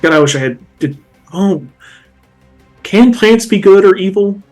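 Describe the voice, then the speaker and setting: A man's voice: high-pitched, lively intonation, measured pace, faint music behind. A man chatting casually as a player in a tabletop role-playing game.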